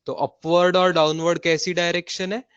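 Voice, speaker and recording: A man's voice: sits high, level tone, normal speed, fairly bright tone, smooth, dry recording, highs cut off. A man with an Indian accent teaching a physics lesson online, repeating key phrases and checking with his students as he goes. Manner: mixes Hindi and English.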